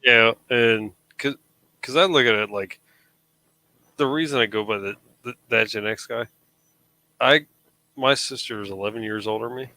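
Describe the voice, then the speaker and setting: A man's voice: medium pitch, normal speed, long pauses, pushed and bright, poor audio. A man in his thirties chatting casually on a live show, rambling with frequent restarts. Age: 30s. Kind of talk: casual chat.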